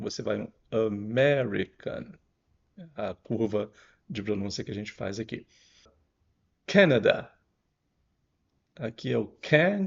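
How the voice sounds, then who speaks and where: A man with a Brazilian Portuguese accent giving a pronunciation lesson, explaining patiently and repeating words slowly with stretched syllables. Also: mid-range voice, creaky, a little mellow, muffled recording. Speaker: English teacher.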